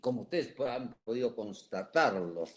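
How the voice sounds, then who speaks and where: A man's voice: medium pitch, animated, moderate pace. A man giving a psychoanalysis seminar lecture, digressive and full of "¿eh?" tag questions, with a cough and an itchy throat.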